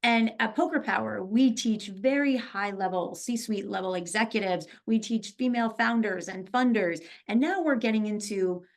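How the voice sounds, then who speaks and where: A woman talking as a poker pro guest in a casual podcast interview, telling lively stories and acting out what people said. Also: medium pitch, moderate pace, few pauses. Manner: animated storyteller, acts out quoted dialogue.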